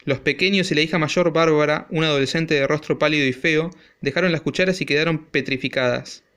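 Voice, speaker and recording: A man's voice: on the high side, fairly quick, a bit bright, clean tone. A man narrating a classic short story as an audiobook with dramatic storytelling. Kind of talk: audiobook reading.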